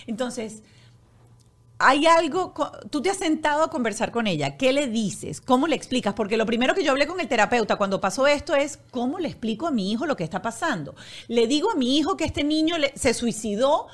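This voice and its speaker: A woman's voice: sits high, lively intonation, a little fast. A woman hosting a casual conversation, asking probing questions in a conversational way with frequent fillers. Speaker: host.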